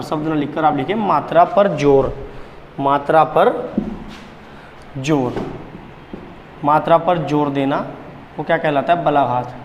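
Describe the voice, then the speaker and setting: A man's voice: fairly high pitch, in a large hall, dull audio, slight background noise. A man teaching Hindi grammar at a board, repeating key points and quizzing the class with questions. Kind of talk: blackboard lesson.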